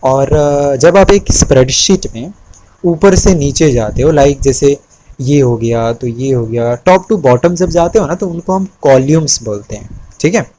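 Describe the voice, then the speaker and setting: A young man with a mid-range, mellow voice works as an Excel instructor, patiently teaching a screen-recorded spreadsheet tutorial at a measured pace in a mix of Hindi and English. He repeats key terms and often checks in with the viewer. The recording quality is low.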